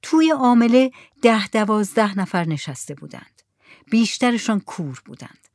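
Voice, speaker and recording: A woman narrates a literary story in a soft, hushed delivery that often sinks nearly to a whisper. Her voice sits in a middle register and is recorded close and dry, with no room echo. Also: medium pitch, expressive. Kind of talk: reading a literary short story aloud.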